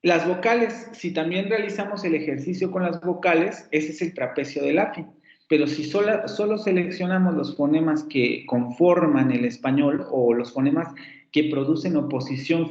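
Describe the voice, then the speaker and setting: A man with a Mexican Spanish accent gives a phonetics lecture in a fairly high voice. He works through the material step by step and says example words slowly and more than once. The sound is roomy and a bit dull, like a lo-fi class recording. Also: a little mellow. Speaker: phonetics professor. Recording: echoey, muffled lo-fi class recording.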